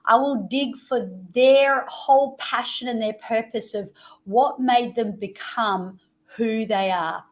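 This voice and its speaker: A middle-aged woman hosting a live interview show. Her voice sits fairly high, and she takes her time. She builds her lines with eager, dramatic emphasis. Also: steady tone, takes it slowly. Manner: enthusiastic, promotional, dramatic emphasis.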